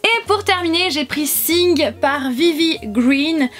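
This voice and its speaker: A woman's voice: sits high, expressive, takes it slowly, a bit bright. A woman vlogger chatting casually to camera about books she bought, hesitating often with fillers. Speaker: book vlogger. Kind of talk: casual haul chat to camera.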